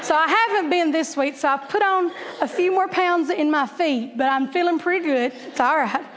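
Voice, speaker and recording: A woman's voice: high-pitched, moderate pace, a bit bright, in a large hall, a little hiss or hum. A woman and kindergarten teacher, telling chatty, self-deprecating stories to a church group, laughing often and stuttering at times. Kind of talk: humorous storytelling talk.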